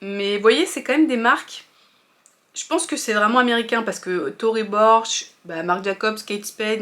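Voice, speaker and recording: A woman's voice: mid-range voice, fairly bright tone. A French woman talking casually to her viewers as a fashion vlogger, chatty and hesitant with many fillers and restarts. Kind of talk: casual opinion chat to viewers.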